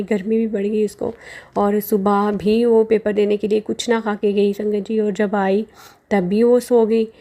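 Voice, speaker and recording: A woman in her forties telling a devotional story to listeners, slow and earnest, pausing often and addressing them respectfully. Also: mid-range voice, warm tone. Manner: slow, earnest, with frequent pauses. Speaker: devotee sharing experiences.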